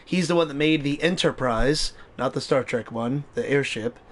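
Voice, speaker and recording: A young man streaming a game, chatting casually and excitedly, swearing freely and talking back to the game. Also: mid-range voice, moderate pace. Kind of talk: casual gaming commentary.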